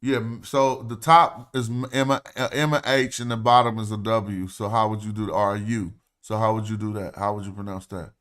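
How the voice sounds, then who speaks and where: A man's voice: fairly low pitch, steady tone, normal speed, hardly any pauses, a bit bright, smooth. A man hosting a casual livestream, talking loosely and thinking aloud as he walks through ancient Egyptian words. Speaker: host. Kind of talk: casual livestream walkthrough of hieroglyph texts.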